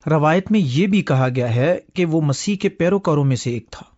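Man doing a high-pitched guy retelling old stories, muffled lo-fi sound. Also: lively intonation, a little mellow. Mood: storytelling. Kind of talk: scripted dialogue drama. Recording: muffled lo-fi audio.

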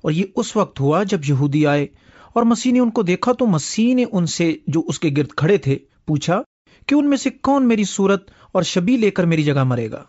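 A man's voice: high-pitched, big pitch swings, a little mellow. A man in a scripted dialogue drama who retells traditional stories. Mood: storytelling. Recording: muffled lo-fi audio.

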